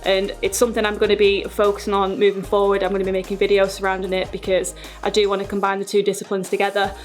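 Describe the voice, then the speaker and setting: A woman's voice: mid-range voice, monotone, fast talker, faint music behind. A woman fitness vlogger chatting casually and informally to her viewers. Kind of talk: casual vlog talk.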